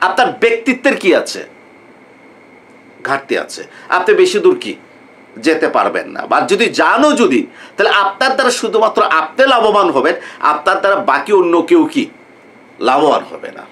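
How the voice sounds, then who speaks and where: Informally addressing students, a male economics lecturer from Bangladesh speaks in a high, a bit bright voice. His style is repetitive and rhetorical, and he frequently breaks off mid-sentence with a questioning "what" before carrying on.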